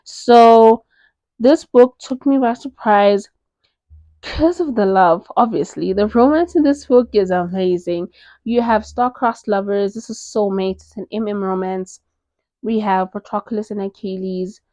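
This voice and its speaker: A woman's voice: medium pitch, unhurried, no room sound. Gushing woman reviewing romance books. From South Africa. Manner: gushing, animated, lots of fillers. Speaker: book reviewer. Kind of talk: casual book recommendation vlog.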